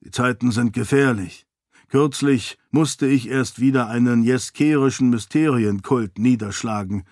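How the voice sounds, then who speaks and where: A man's voice: mid-range voice, a little slow, a little mellow, no room sound, studio quality, natural voice. A man reading an audiobook, voicing a fond, worried king who talks to his daughter in a fatherly way. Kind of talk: audiobook character voice.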